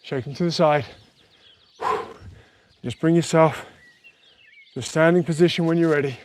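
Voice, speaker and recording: A man's voice: a little high, moderate pace. A man leading a trampoline workout outdoors, counting reps and calling out moves in an upbeat coaching manner while bouncing along. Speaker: fitness instructor. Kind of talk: workout instruction. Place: outdoors at a sunny retreat.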